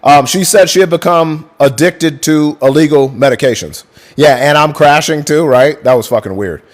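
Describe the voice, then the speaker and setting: On his livestream, a man with a high-ish voice reads book passages at a moderate pace. Casual and foul-mouthed, he pauses the reading to thank chat viewers.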